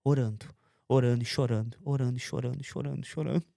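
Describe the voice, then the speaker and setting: Gravelly and quick, a man's medium-pitched voice carries his testimony through a conversational interview. He tells it intensely, acting out others' lines, in a studio-quality recording with no room sound.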